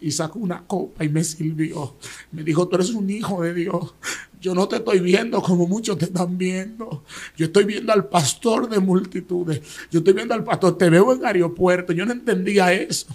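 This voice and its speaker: A man's voice: high-pitched, normal speed, a little mellow. A male pastor, giving an emotional personal testimony in dramatic storytelling style. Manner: dramatic storytelling, voicing others in quotes.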